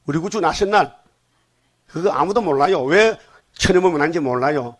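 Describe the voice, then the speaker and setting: A man's voice: on the high side, expressive, normal speed. Blunt Gyeongsang-accented older male preacher. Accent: Gyeongsang Korean. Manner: blunt, emphatic, asks the congregation questions. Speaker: pastor. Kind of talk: dawn sermon.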